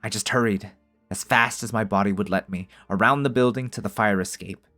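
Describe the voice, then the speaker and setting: Over soft background music, a man with a lowish, sharp-toned voice reads a visual novel aloud at a brisk pace. He keeps breaking from the narration to crack jokes and swear freely in casual commentary.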